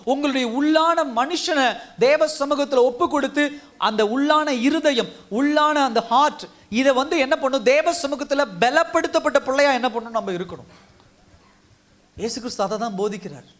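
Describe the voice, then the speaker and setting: High-pitched male pastor, exhorting sermon delivery with repeated phrases. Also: normal speed, a bit bright. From India. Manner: exhorting, repetitive preaching cadence. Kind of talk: Tamil sermon.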